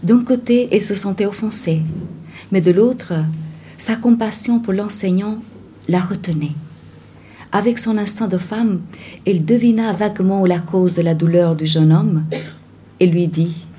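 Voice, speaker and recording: A woman reading a novel aloud in a calm, measured way. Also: medium pitch, a little hiss or hum. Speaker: audiobook narrator.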